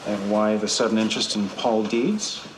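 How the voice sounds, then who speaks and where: A skeptical police officer, played by a man, low-voiced and dryly sarcastic. He talks against audible background noise in a TV drama mix. His jabs land flat and cool. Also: moderate pace, natural voice.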